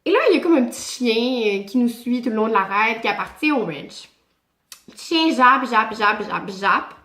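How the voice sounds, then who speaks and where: Québécois woman vlogger, lively slangy storyteller, slightly high voice, roomy echo. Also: moderate pace. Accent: Québécois French. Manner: animated, slangy, chatty. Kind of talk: casual storytime. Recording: echoey room.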